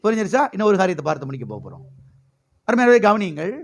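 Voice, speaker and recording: A middle-aged pastor with a Tamil Nadu Tamil accent, his voice sitting high for a man. He preaches in call-and-response, repeating key phrases over and over for the congregation to answer. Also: very animated, very fast, vocal fry. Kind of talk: sermon.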